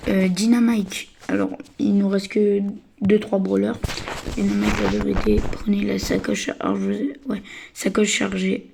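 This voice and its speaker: A woman who is a little sick and tired, giving casual game tips in a hesitant, stammering way with a slightly croaky voice. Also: mid-range voice, dark tone, a little hiss or hum. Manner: hesitant, stammering, many fillers. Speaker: gaming channel host.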